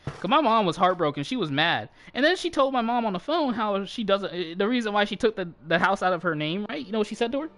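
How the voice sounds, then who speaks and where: A young man telling a story in a loose, animated way, his pitch swinging widely from line to line. He swears freely and breaks into laughter, like someone chatting to viewers while gaming. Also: quick pace. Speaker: channel host.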